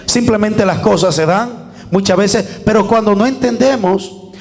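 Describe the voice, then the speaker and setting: A man's voice: high-pitched, measured pace, long reverb tail. A man preaching a sermon as pastor, fervent, with call-and-response to the congregation, recorded in a church.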